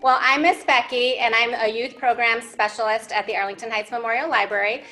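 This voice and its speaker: In a low-quality recording with soft background music, a woman speaks briskly in a slightly high, steady, bright, forceful voice. She is an American in her thirties hosting interactive library storytime for young English learners, seated at a whiteboard in an indoor room and asking questions in simple, encouraging, teacherly phrases.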